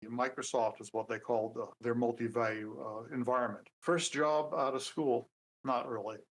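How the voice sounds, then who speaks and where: An older man in his seventies talks at an ordinary middle pitch. He sounds relaxed and a bit wry, with plenty of "uh"s and restarts as he remembers things. It is a casual conversation, not a performance. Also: normal speed, slight background noise, low-quality recording. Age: 70s. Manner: relaxed, dry humor, frequent fillers and restarts. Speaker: guest programmer. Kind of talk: casual interview chat.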